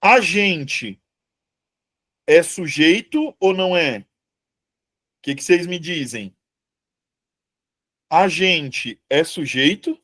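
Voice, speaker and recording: A Brazilian man leads a live exam-prep class at an unhurried pace. His voice sits a little high, and he keeps checking in with the class in a chatty way. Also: expressive, a bit bright. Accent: Brazilian Portuguese.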